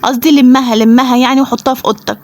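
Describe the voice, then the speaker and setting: A woman's voice: high voice, steady tone, a little mellow, close to an everyday voice. Woman as a bossy Egyptian big sister. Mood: bickering. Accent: Egyptian Arabic. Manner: bossy, quick bickering. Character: bossy older sister bickering with her brother. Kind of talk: playful toy role-play voicing.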